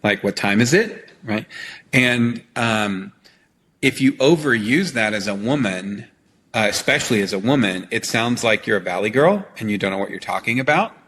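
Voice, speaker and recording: A middle-aged man, a trial consultant and longtime actor, answering interview questions in an animated coaching tone and often checking in with "right?". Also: fairly low pitch, moderate pace, a little hiss or hum.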